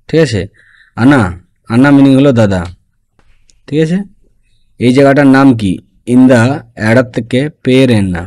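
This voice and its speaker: A man with a mellow, warm voice gives a patient spoken language lesson. He breaks each phrase into parts and keeps checking that his listeners follow. His pitch sits in the middle range. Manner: explains phrase by phrase, often asking "okay?". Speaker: language teacher.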